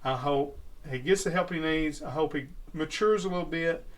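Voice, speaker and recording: A man's voice: fairly high pitch, moderate pace. A man co-hosting a casual sports chat, plain-spoken and rambling. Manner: folksy, rambling, plain-spoken with Southern phrasing. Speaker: podcast co-host.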